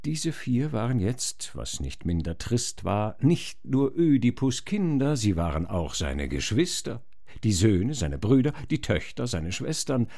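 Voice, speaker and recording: A man's voice: mid-range voice, sing-song, a little slow, creaky, dark tone. A man narrating a comic story in wry, rhythmic rhymed verse. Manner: wry, rhythmic rhyming delivery. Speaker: performer, narrator.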